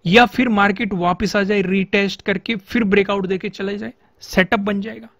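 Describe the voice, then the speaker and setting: A man's voice: high voice, steady tone, normal speed, a bit bright, no echo, studio quality. A man teaching stock chart analysis, explaining in an instructive way and often posing rhetorical questions to the viewer. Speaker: stock market trading teacher.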